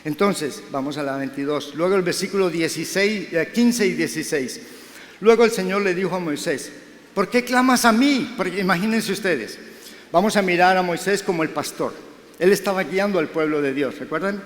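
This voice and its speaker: A man's voice: high-pitched, brisk. A middle-aged man preaching a Sunday sermon in a conversational way, acting out quoted dialogue. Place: church hall. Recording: echoey hall with long reverb.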